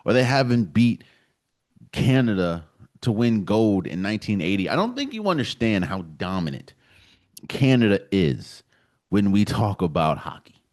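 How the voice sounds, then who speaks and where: A man from the United States hosting a solo sports podcast, giving his opinions in an emphatic, animated way. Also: lowish voice, normal speed. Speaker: podcast host.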